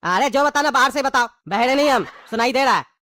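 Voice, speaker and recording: A woman's voice: high voice, expressive, a little fast, pushed and bright, no echo, studio quality. A woman playing a suspicious, miserly father in a comedy skit, with an irritable, grumbling manner. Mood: irritated. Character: secretive miserly father hiding cash.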